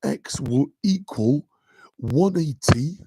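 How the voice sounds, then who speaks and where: Background noise accompanies a deep-voiced maths tutor who talks slowly and expressively through a live revision session. He is conversational, leaning heavily on "okay" and "guys."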